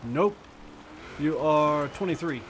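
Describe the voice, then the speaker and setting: A man in his forties from Kentucky, USA, chats casually and teases viewers while playing a racing game on a live stream. His voice is a little high, expressive, and slow-paced. The recording is low quality, with game car and engine sounds running behind his voice.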